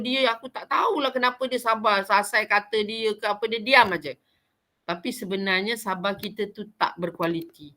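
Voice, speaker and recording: A woman vocal teacher speaks over a video call with a bright, ringing tone. She teaches earnestly and acts out short sample conversations in a softer voice. With a nervous student she turns patient and reassuring. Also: mid-range voice. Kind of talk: online vocal class teaching.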